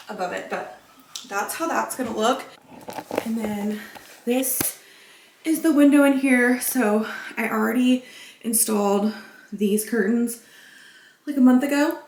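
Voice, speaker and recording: Brief: young woman, chatty home vlogger, gushing, mid-pitched voice, echoey room on camera mic. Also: a little mellow. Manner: bubbly, gushing, lots of "like" fillers. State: out of breath at times. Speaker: lifestyle vlogger. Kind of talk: casual vlog chat. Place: home, indoors.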